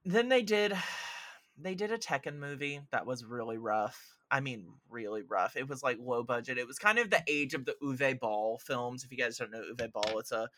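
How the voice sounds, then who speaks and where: Speaking at normal speed and medium pitch, a male podcast host chats informally about films. Expect emphatic, animated opinions sprinkled with profanity.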